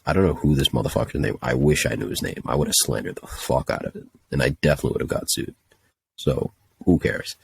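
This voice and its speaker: A man's voice: rumbling low, fast talker, vocal fry, slightly rough. A young man telling a story casually, ranting in an exasperated, profane way. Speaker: podcast host telling a story.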